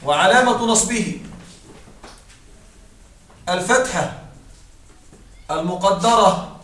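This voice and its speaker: A man teaching a grammar lesson, explaining step by step, slowing down to dictate parsing phrases and often checking that the class follows. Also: sits high, animated, a bit bright. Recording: echoey room, distant mic, faint noise.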